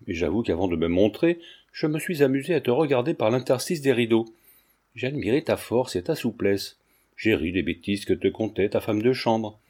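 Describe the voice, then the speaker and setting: A man reading a sly, teasing gentleman. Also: on the low side, animated, normal speed, slightly rough. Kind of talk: audiobook character reading.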